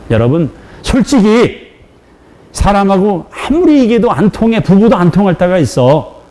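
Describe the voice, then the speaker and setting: A male pastor preaching a sermon in a church, telling an emotional personal story with acted dialogue and rising to near-shouting at its peaks. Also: medium pitch, slight background noise.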